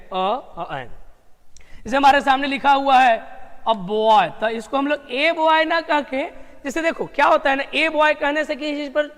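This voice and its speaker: Male grammar tutor with a very high voice, chatty and repetitive, treats students like close friends, long reverb on the recording. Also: fairly bright tone. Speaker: English grammar teacher. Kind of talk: exam-prep grammar lesson.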